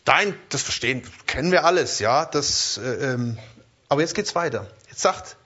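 Lively guy giving a sermon, husky voice, bouncy pitch, keeps tripping over repeated words. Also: normal speed, muffled recording. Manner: lively, keeps checking in with listeners; repeats words while searching. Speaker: preacher.

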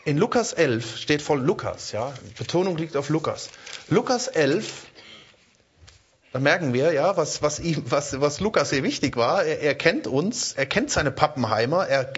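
A man preaching a sermon in a lively way, often checking in with his listeners and repeating words as he searches for the next one. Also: a little high, slightly rough, dull audio.

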